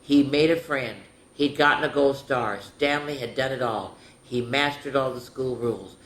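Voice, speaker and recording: At a normal speed, a senior woman with a bass voice leads children through stories and activities. She talks in a chatty, instructive way and keeps asking the kids questions, while the echoey room carries faint noise.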